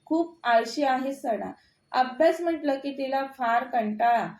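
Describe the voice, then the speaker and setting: A woman voicing a kind, calm middle-aged mother, in an echoey room. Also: high voice, a little slow. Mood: warm.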